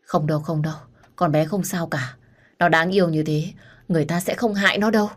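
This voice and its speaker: A woman voicing a gentle man comforting his former wife in an audio story. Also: sits low, brisk, breathy edge. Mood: soothing. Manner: soothing, reassuring.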